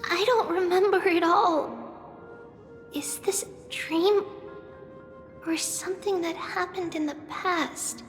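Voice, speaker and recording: A woman's voice: very high voice, steady tone, slow, long pauses. An actress playing an eager, childlike little girl in a game, exclamatory and a bit boastful. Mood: puzzled, musing. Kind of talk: scripted game dialogue. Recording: long reverb, music behind.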